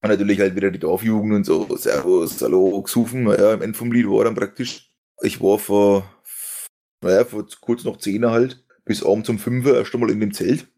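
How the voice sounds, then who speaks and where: A young man, his low voice rough with gravelly fry. He tells long, rambling stories in a loose chat, stumbling over fillers and breaking into laughter. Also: fairly even intonation, brisk, mellow. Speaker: stream host telling a story. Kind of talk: casual storytelling chat.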